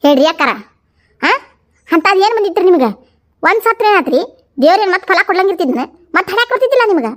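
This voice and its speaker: A woman with a North Karnataka accent plays a part in a village comedy skit. Her voice is very high and quick, and she presses the others with blunt, scolding questions. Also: expressive. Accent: North Karnataka Kannada. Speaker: comedy sketch performer.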